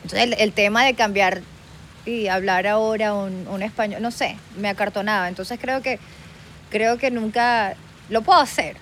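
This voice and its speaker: A woman's voice: medium pitch, steady tone, moderate pace, fairly bright tone, a little hiss or hum, rough recording. A woman with a Caracas Venezuelan accent, a podcast guest chatting casually, mixing Spanish with English and laughing often. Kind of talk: casual chat.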